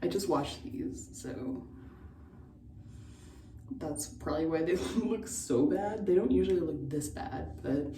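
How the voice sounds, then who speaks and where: A woman's voice: sits low, moderate pace, few pauses, warm tone. A giggly, tipsy woman rambling through a casual makeup tutorial, swearing and poking fun at herself. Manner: self-deprecating, sweary. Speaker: beauty vlogger. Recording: roomy, distant mic, faint noise.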